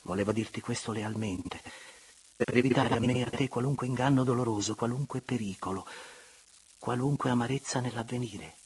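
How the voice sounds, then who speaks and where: A man voicing a young noblewoman who is tender and torn toward a former lover, speaking softly and sinking into hushed whispers. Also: medium pitch, brisk, slightly rough. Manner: soft, hushed, dropping to whispers.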